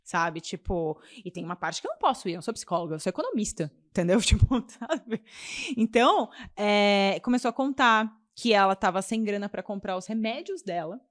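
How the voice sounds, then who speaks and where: A woman mentor telling stories on a podcast in a casual chat, animated and acting out the quotes. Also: brisk. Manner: animated, acts out quotes, swings her pitch a lot.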